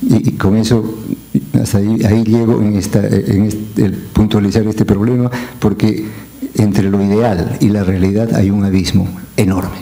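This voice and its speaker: A man speaking as a panelist at an academic conference, measured and reflective, pausing often on fillers. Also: on the low side, flat delivery, mellow.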